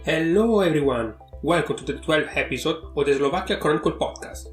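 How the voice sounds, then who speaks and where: A man hosting an interview podcast who talks with non-native phrasing and soft, trailing asides. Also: fairly high pitch, lively intonation, a little fast, roomy sound, soft background music. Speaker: podcast host.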